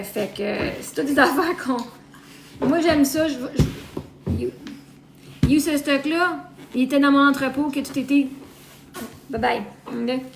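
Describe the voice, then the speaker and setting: A woman with a Québécois accent chats on a live stream in a high, gravelly voice, wandering from item to item and repeating herself as she goes. The sound is roomy and echoey, with a faint hiss under it. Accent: Québécois French. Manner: rambling, repeats herself while listing things. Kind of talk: casual live-stream chat. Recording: roomy echo, faint noise.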